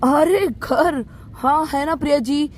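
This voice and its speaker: A woman's voice: high-pitched, takes it slowly, a little hiss or hum. A woman voicing a flustered young groom in a doll story, stammering and pleading.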